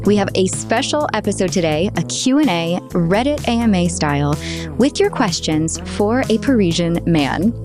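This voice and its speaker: A woman's voice: medium pitch, animated, moderate pace, music in the background. A woman hosting a casual chat podcast in Paris, bubbly and laughing often. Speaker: podcast host.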